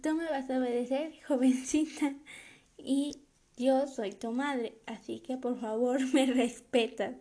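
A stern, bossy mother scolds her daughter in a slightly high, mellow voice, as a young woman puts her on. She speaks in firm, commanding bursts. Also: steady tone, takes it slowly, heavily acted.

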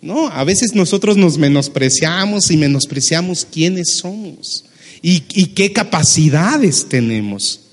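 A man, a pastor preaching a sermon, lively and humorous, acting out the people in his Bible stories. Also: a little high, measured pace, big-room sound. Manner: animated, acts out Bible characters with humor.

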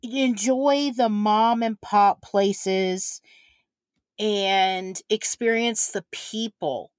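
Slow-speaking woman, dry close mic. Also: mid-range voice, steady tone, no echo. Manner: slow, deliberate, measured phrasing. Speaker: podcast co-host. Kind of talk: casual chat.

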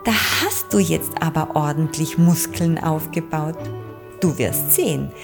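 A woman voicing a proud, cheerful little witch girl who exclaims loudly in a storybook reading. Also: low voice, measured pace, vocal fry, over music. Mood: boastful.

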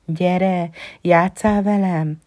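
A woman's voice: fairly low pitch, steady tone, darkish tone, dry recording, pitched above the performer's own voice, natural voice. A woman voicing a curious, earnest little boy prince in a storybook reading, with a raised, eager, questioning tone.

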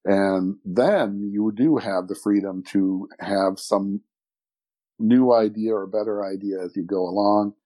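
A man's voice: on the low side, fairly even intonation, measured pace, mellow. A middle-aged man speaking as a podcast guest, reflective and rambling, often restarting his sentences. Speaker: guest, fantasy author and editor. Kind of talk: podcast conversation.

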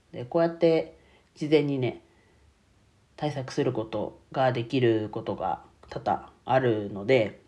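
A man who streams and posts bookkeeping content on YouTube talks casually to his listeners alone. A cold has left him congested and nasal, and his voice is medium-pitched and mellow.

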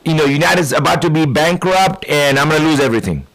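A man with an Indian accent, hosting a casual talk show in a halting way that circles back over phrases. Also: on the high side, vocal fry, fairly bright tone, poor audio. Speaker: radio host.

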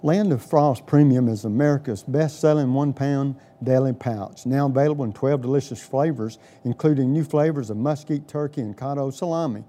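A man's voice: medium pitch, fairly quick, few pauses, warm tone, soft background music. A man delivering a scripted sponsor announcement.

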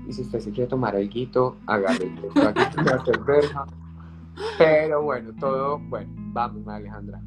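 A man's voice: medium pitch, normal speed, over music. A man hosting a live-stream conversation, effusive, repeating words for emphasis. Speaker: host, professional ballet dancer.

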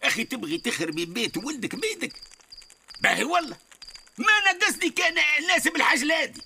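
A man's voice: extremely high pitch, lively intonation, quick pace, vocal fry, slight background noise, heavily acted. An actor with a southern Tunisian accent playing a husband who scolds his meddling wife in exasperation. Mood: scolding. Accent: southern Tunisian Arabic. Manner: scolding, exasperated, shouting at times. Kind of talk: radio drama acting.

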